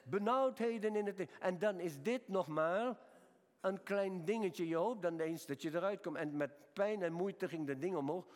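This sermon comes from a high-voiced preacher in his seventies whose words echo with long hall reverb. Weaving in stories from his own life, he alternates soft, unhurried stretches with loud, forceful appeals.

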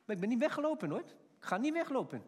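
A man's voice: extremely high pitch, sing-song, quick pace, husky. A middle-aged man preaching a sermon in a folksy, emphatic way. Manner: emphatic, folksy, acts out shouted quotes. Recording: long hall reverb.

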